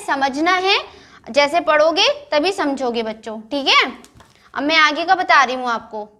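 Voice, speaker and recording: A woman's voice: extremely high pitch, sharp tone. A woman teaching young children to read, sounding out words syllable by syllable and asking them questions. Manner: keeps checking in with "theek hai". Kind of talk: primary school phonics lesson.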